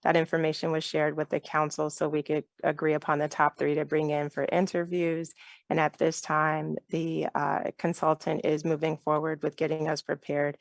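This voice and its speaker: A woman chairs a town council meeting over a video call, speaking with a low, level voice that barely rises or falls. Her delivery is measured and polite, running through motions and votes step by step. The sound is close and dry, with no room around it. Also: monotone, creaky, no room sound.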